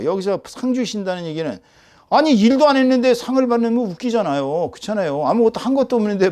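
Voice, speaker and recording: Pastor, man, higher voice, conversational Sunday preaching, lively, quizzes the congregation. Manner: lively, acts out everyday examples. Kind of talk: Sunday sermon.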